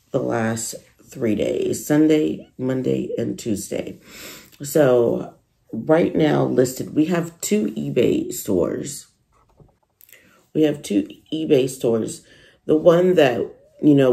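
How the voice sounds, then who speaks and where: A tired woman vlogger, losing her voice, chats casually and rambles to her viewers about her resale business. Her voice is bass, gravelly and mellow.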